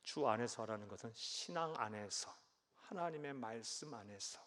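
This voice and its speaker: A man's voice: mid-range voice, animated, normal speed, fairly bright tone. A man preaching a sermon to his congregation, emphatic, acting out the voices of people in the story and asking the listeners questions. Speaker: pastor. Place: church sanctuary. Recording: long hall reverb.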